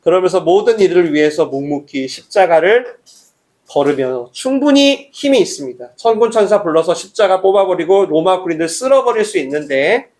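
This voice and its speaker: A man's voice: sits high, lively intonation, fairly quick, darkish tone. A man preaching a Sunday sermon as pastor, talking conversationally and asking the congregation questions. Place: church service.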